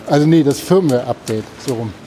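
Mellow male podcast co-host talking while walking. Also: mid-range voice, expressive, brisk. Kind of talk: casual podcast chat. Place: outdoors on a city street. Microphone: wireless transmitter mic. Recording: clear urban street noise.

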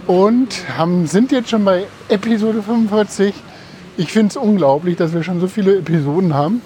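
A man with a slightly high voice chats casually as a podcast host. He talks while walking outdoors in the city, with light traffic sounds behind him. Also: normal speed, mellow. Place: outdoors on a city street along a tram line. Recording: faint street and traffic noise behind.

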